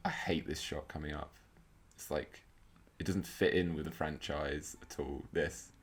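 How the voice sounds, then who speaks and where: A young man co-hosting a film commentary, making dry, murmured asides that often trail off quietly. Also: extremely low pitch, fairly even intonation, unhurried, breathy edge. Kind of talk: casual film commentary chat.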